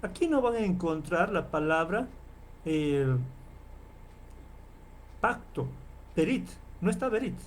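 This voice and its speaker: A man's voice: high voice, big pitch swings, a little hiss or hum. Man teaching a Bible class. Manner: explanatory, checks in with listeners often; spells out and repeats Hebrew terms slowly. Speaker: Bible professor. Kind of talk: online class lecture.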